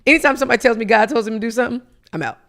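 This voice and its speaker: A woman's voice: fairly high pitch, very fast. A woman co-hosting a casual business podcast as a brand coach, telling stories and acting out her clients' lines. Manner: animated storyteller who acts out clients' lines.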